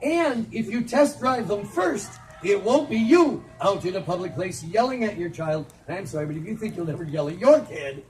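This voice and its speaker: Animated storyteller man, high voice. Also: normal speed, hardly any pauses, over music. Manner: animated, teasing audience banter. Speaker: festival storyteller. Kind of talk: live comedic storytelling. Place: outdoor festival stage. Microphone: handheld phone in the audience. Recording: distant phone recording with crowd. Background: audience laughter.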